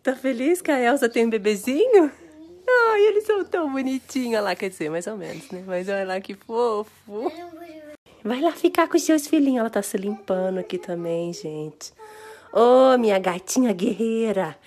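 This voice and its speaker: A woman's voice: fairly high pitch, sing-song, moderate pace, darkish tone. A woman with a Brazilian Portuguese accent chatting casually to camera as a home vlogger, affectionate and full of exclamations. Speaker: family vlogger. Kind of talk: casual vlog chat to camera. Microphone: phone video.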